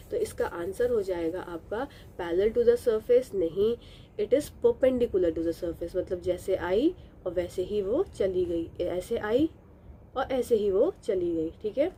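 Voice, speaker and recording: A woman teaching an exam prep lesson. She reads each English question slowly, then explains it in Hindi with rhetorical questions. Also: medium pitch, dark tone, a little hiss or hum.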